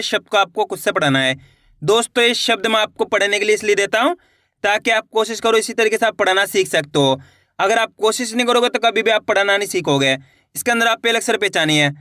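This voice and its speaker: A man teaching reading who sounds each syllable out slowly and talks to viewers as friends. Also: high voice, sharp tone, no room sound, studio quality. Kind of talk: slow spelled-out reading lesson.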